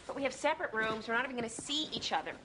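A woman's voice: a little high, lively intonation, racing, background noise, lightly acted. A woman playing a mischievous, sarcastic witch aunt in a sitcom, wry and taunting. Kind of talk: sitcom acting.

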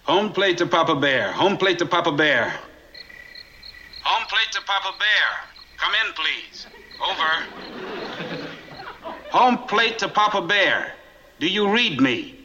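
A man's voice: high-pitched, sing-song, slow, pauses often, bright, forceful tone, heavily acted. A man playing a radio operator, heard over a radio set as he repeats formal call signs. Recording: muffled old TV audio with noise.

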